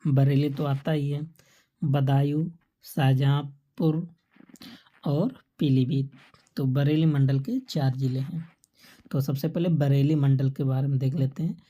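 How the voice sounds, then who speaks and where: A woman teaches in a slow, deliberate lecture, with a low voice and a very dark, mellow tone. She poses a question, then answers it herself, repeating the key fact. The recording sounds dull and lo-fi. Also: fairly even intonation. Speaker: exam-prep teacher. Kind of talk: quiz-style lecture.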